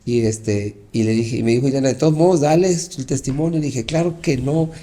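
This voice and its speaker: A man's voice: mid-range voice, a little fast. A middle-aged pastor, a man, telling his personal testimony in an interview and acting out the dialogue as he goes. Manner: animated storytelling, acting out dialogue.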